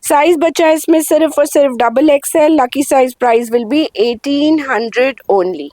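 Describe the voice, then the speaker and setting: Woman, sales pitch, measured unhurried delivery, high voice. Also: warm tone, no room sound. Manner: Hindi-English mix, swings between slow lingering prices and quick rundowns. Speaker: boutique sale presenter. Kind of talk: sales pitch showing garments.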